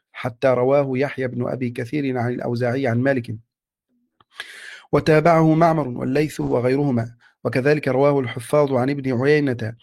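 A man reads a classical text aloud in a formal, steady way, as a student before his teacher. His voice sits at an ordinary middle pitch for a man. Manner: steady, respectful recitation.

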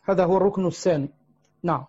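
A man teaching a religious lesson, explaining a text step by step with frequent hesitant pauses. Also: sits high, darkish tone, breathy edge. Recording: muffled lo-fi recording.

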